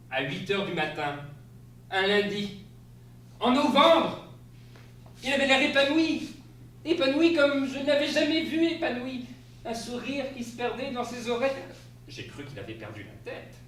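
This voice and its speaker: A man playing a flustered, animated storyteller. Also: fairly high pitch. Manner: animated, exclamatory, laughs through lines. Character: flustered spouse telling an absurd tale. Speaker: stage actor. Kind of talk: theatrical comic monologue. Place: theater stage. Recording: echoey stage, distant mic, faint hiss.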